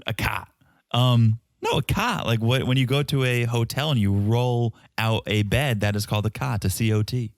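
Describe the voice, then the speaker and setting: A man's voice: mid-range voice, fairly even intonation, moderate pace, hardly any pauses, dry recording, clean studio sound. A man with a Boston accent co-hosting a casual podcast, bantering in a wry, joking way. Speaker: podcast co-host.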